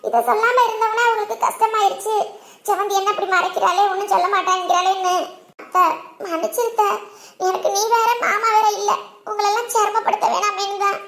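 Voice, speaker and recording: A woman's voice: extremely high pitch, steady tone, a little fast, fairly bright tone. A woman voicing an earnest young village daughter-in-law in a cartoon, with a southern Tamil Nadu dialect and a pleading manner. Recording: roomy echo.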